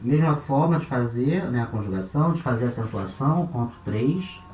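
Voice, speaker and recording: A man's voice: mid-range voice, expressive, fairly quick, a little mellow, slight background noise. A man with a Brazilian Portuguese accent teaching Ancient Greek grammar, explaining step by step and counting syllables aloud. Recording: roomy echo, voice off-mic.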